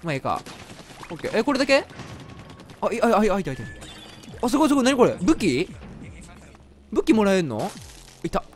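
A man with a Kansai accent talks through a video game as he plays, chatty and excitable. His voice is slightly high and swings widely in pitch. Faint game music runs behind him. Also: brisk, pauses often. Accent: Kansai Japanese. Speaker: game streamer. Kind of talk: let's play commentary.

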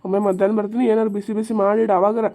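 Lady doing an old drunk husband from a village cartoon, dark voice, talks fast and brushes things off. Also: mid-range voice, level tone, close to an everyday voice. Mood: gruff.

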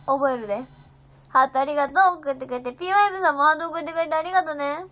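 Bubbly high-voiced teenage girl streamer. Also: rapid-fire. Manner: bubbly, thanks viewers one by one. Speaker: livestreamer. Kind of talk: casual livestream chat reading viewer comments. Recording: slightly dull sound with faint music.

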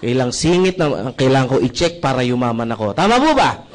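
A man's voice: mid-range voice, expressive, fast. A man from the Philippines giving a testimonial seminar talk, telling a story and often asking the audience for agreement. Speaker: presenter.

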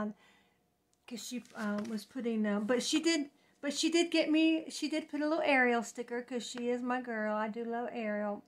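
A sentimental woman, chatting casually to her vlog audience. Her voice sits a little high, and she wanders through fillers, false starts and repeated words, never hiding her feelings. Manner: rambling with many fillers and restarts; openly emotional, sentimental. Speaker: vlogger.

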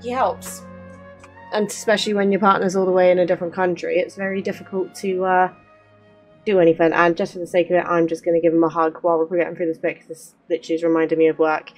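A woman in her twenties talks fast in a fairly low, darkish voice with a level tone as she streams a game. Between candid, casual chat she reads the dialogue aloud. A close desk mic picks her up in a small bedroom gaming setup, game music in the background.

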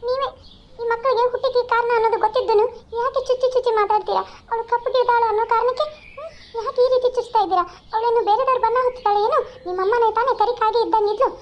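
A protective village mother from a cartoon, voiced by a woman, with a very high, quick voice. She pleads and protests on her daughter's behalf. The sound is slightly dull and lo-fi. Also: fairly even intonation. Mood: indignant. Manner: pleading, indignant. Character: caring village mother defending her dark-skinned daughter. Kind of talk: cartoon voice acting.

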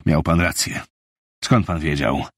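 In a dry, close audiobook read, a male narrator voices a wealthy ex-soldier under strain. His low, slightly husky voice gives short, clipped answers with controlled tension. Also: unhurried, no echo, heavily acted. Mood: terse. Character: Lane, tense wealthy former soldier. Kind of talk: audiobook character reading.

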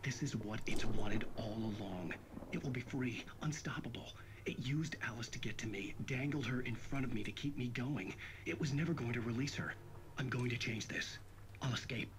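An actor voicing a haunted male writer hero, giving measured inner-monologue narration in a video game. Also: mid-range voice, a little hiss or hum, close to an everyday voice, rough recording. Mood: grim resolve.

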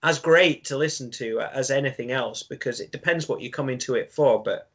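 A male secondary school teacher talks as a guest in a relaxed chat. His voice is bright and sits at a middling pitch. He thinks aloud and repeats words, and he pokes gentle fun at himself. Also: a little fast, slightly rough. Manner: thoughtful, self-deprecating, repeats words as he thinks. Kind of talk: casual conversation.

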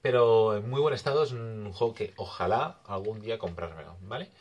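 A man with an accent from Spain, chatting excitably and swearing casually as he shows off his video game finds. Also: on the low side, fairly quick, highs cut off. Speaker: video game collector vlogger. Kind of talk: casual vlog chat.

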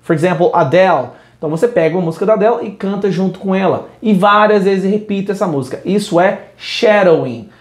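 A man's voice: high voice, roomy sound. A man teaching an English lesson, moving between English and Portuguese in an upbeat, direct way. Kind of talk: video lesson.

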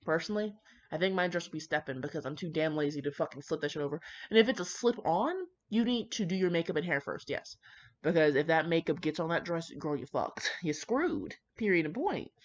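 She has a deep voice and reads a bit quickly and with animation, a casual fan fiction reader who keeps interjecting with swearing, brash, wandering comments. Audio comes from a slightly muffled lo-fi home recording.

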